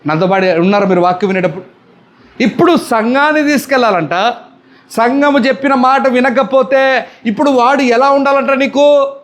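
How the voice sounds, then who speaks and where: A man's voice: very high-pitched, moderate pace. A male pastor with a Telugu accent preaching a sermon, often firing questions at the congregation and demanding answers.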